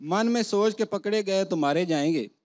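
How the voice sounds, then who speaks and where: A man's voice: high-pitched, normal speed, a faint crowd. A man reciting humorous rhyming verse on a comedy show, with a rhythmic delivery built around the punchlines. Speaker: comic poet guest. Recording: loud studio audience and noise.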